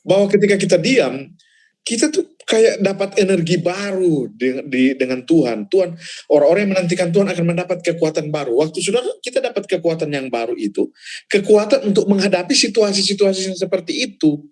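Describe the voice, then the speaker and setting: A man, a pastor, telling a personal testimony in casual chat, animated and laughing as he goes, repeating words for emphasis. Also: high-pitched, fairly quick. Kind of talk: casual testimony in a church talk.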